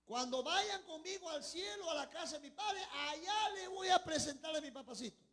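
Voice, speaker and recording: A pastor preaching a sermon, asking the congregation to confirm and acting out quoted lines, with sudden loud bursts and drawn-out words. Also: male voice, very high voice, expressive. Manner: acts out quoted lines in a dramatized voice; often asks the congregation to confirm.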